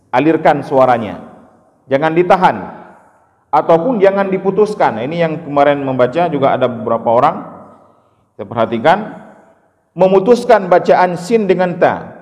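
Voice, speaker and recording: A man teaching a class how to pronounce each word of a recitation correctly. He patiently explains each sound, then chants the word slowly as a model. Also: a little high, expressive, darkish tone. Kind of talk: step-by-step recitation lesson. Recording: long hall reverb.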